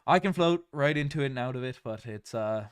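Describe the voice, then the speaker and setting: A man's voice: medium pitch, lively intonation, fairly quick, clean tone. A man from Canada with a light Newfoundland accent, hosting a casual sports livestream and often repeating phrases for emphasis.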